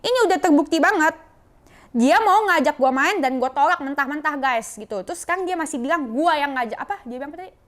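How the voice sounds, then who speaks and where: A woman's voice: high-pitched, animated, fast. A woman with a Jakarta colloquial accent who talks straight to camera, scolding and confrontational, and keeps calling her viewers "guys". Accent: Jakarta colloquial Indonesian. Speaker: vlogger. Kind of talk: casual angry rant to camera.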